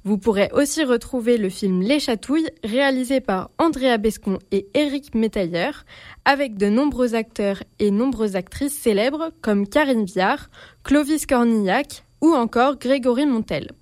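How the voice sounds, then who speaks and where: A woman's voice: fairly high pitch, a little slow, dry recording. Woman reading streaming picks. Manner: clear, steady reading from a script. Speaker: streaming releases columnist. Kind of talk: scripted presentation.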